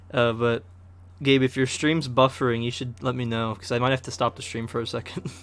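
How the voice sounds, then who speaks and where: A man's voice: mid-range voice, steady tone, moderate pace. A man streaming a video game, talking in a laid-back, joking way and chatting with viewers. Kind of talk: casual gameplay commentary.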